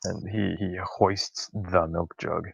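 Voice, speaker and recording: A man's voice: low-pitched, flat delivery, takes it slowly, gravelly, fairly bright tone, husky, no echo, rough recording. A man narrating as game master in a laid-back, drawling way. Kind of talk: narrating a tabletop game over voice chat.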